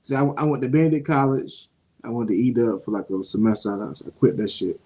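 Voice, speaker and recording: A young man, co-hosting a casual show review and telling stories in an animated, streetwise way, swearing freely. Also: medium pitch, fast. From Jacksonville, Florida (Duval). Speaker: podcast co-host.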